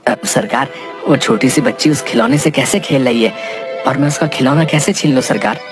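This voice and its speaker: A voice actor playing a dim-witted, soft-hearted male apprentice thief who pleads and whines to his boss in a cartoon. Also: mid-range voice, normal speed, music in the background, lightly acted. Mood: pleading. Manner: pleading, whiny, humble, calls the boss sir. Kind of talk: cartoon voice acting.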